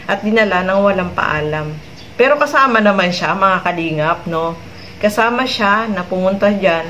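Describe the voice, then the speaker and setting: A woman's voice: medium pitch, lively intonation, normal speed, a bit bright, highs cut off, a little hiss or hum. A woman hosting a vlog, giving chatty commentary to her viewers and ending many remarks with tag questions. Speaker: vlog host commenting on a clip.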